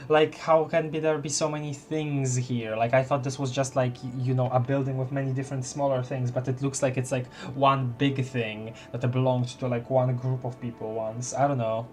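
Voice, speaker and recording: A man streaming a game with casual live commentary, reacting and reading on-screen text aloud in a halting way. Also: mid-range voice, level tone, darkish tone, soft background music.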